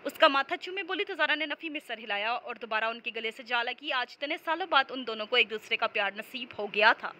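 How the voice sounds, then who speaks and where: A woman's voice: a little high, fairly quick, hardly any pauses, rough recording. A woman reading a romance novel aloud as an audiobook narrator, voicing every character herself. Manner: expressive storytelling, voices every character.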